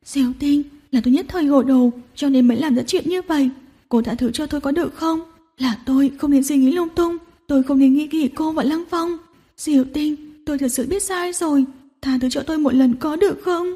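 A woman's voice: high voice, steady tone, normal speed, dark tone, pitched above the performer's own voice, lightly acted. A woman reading a storybook and voicing a tearful, clingy young woman who pleads between sobs. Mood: sobbing, pleading. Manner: sobbing, pleading, breathy.

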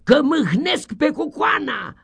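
Man doing a storybook schoolmaster, blustering, scornful, cackling, shouting, high strained pitch. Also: sing-song, vocal fry, full character voice. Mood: mocking. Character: blustering mocking male village schoolmaster.

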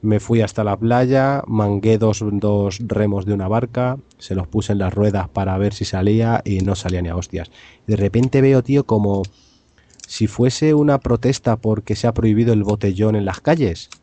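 A man from Ciudad Real, Spain, co-hosting a podcast and telling comic stories with crude, deadpan jokes. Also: fairly low pitch, normal speed. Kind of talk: comic storytelling.

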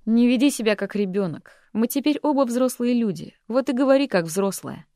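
Woman reading Daniel, a calm patronizing man. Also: a little high, brisk, dry recording, studio quality. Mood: condescending. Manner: soft-spoken, patronizing. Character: calm condescending man, heroine's ex-lover and former teacher.

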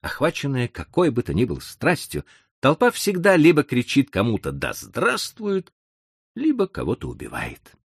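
A man's voice: mid-range voice, wildly swooping pitch, a little fast, breathy edge, no room sound, clean studio sound. A man narrating a story in a dramatic, theatrical reading style. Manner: theatrical, widely varied delivery. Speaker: audiobook narrator.

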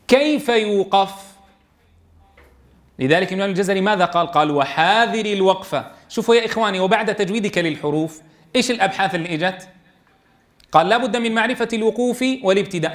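A man teaching a class on Quran recitation rules. He quizzes his students and chants verses slowly for them to repeat. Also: high voice, a bit bright.

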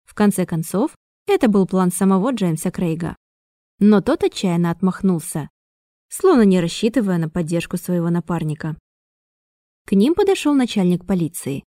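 Woman narrating an audiobook, mellow dark voice. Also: fairly low pitch, sing-song, moderate pace, no echo, studio quality. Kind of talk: scripted narration.

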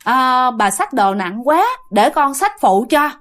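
A woman's voice: high voice, big pitch swings, slow pace, fairly bright tone, full character voice. Woman voicing an easygoing young husband. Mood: polite.

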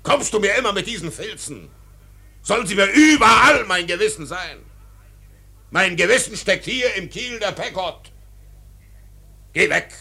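An actor in a radio drama playing an obsessed, tyrannical older whaling captain, declaiming grandly in a gravelly, husky voice. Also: male voice, sits high, lively intonation, a little slow, pauses often, bright, forceful tone, heavily acted. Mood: furious, scornful. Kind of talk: literary radio drama acting.

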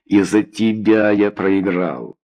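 A man's voice: lowish voice, takes it slowly, a little mellow. A man voicing a rude, greedy young male pool hustler in an audiobook, curt and sarcastic.

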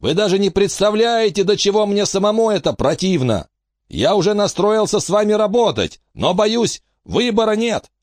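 A man voicing a nervous, dog-faced male gang boss who talks high and jumpy. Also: very animated, normal speed, no echo, studio quality. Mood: regretful. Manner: high, jittery and shouting.

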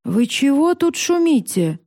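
A woman's voice: high voice, big pitch swings, a little slow, warm tone, no echo, studio quality, voice pushed up. A woman voicing a stern, scornful old village elder.

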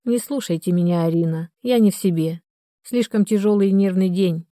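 A woman reading the part of a young widow with a hoarse, cold, slightly slurring voice, in an audiobook. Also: lowish voice, brisk, dark tone, no room sound, studio quality, lightly acted.

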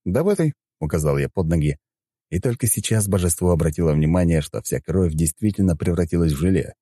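A man reading a fantasy audiobook in an expressive storytelling manner. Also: deep voice, quick pace, no echo, clean studio sound. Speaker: audiobook narrator. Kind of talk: scripted fantasy narration.

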